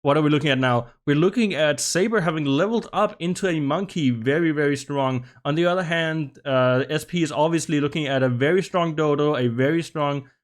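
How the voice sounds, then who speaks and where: A man commentating a live-streamed game match, slightly out of breath, talking in halting bursts with many restarts and asides to his chat. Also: mid-range voice. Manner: halting, many restarts and laughs, chats with viewers. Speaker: esports commentator.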